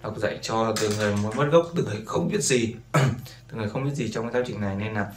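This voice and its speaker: A man with a lowish voice races through a beginner English lesson, though he patiently repeats each word and often checks with "right?". The recording has a roomy echo and faint background noise.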